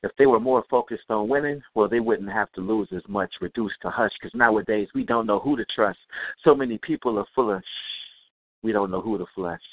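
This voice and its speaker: A man's voice: lowish voice, fairly quick, no room sound. A man performs spoken-word poetry in a rhythmic, rhyming flow. His voice sits mid-range and comes through thin and tinny, as if over a phone line, in a completely dry space. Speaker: guest poet.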